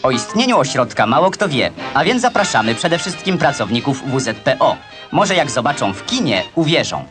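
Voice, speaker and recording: A man delivering brisk, declamatory commentary as the narrator of an old 1960s newsreel. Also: mid-range voice, sing-song. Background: loud music.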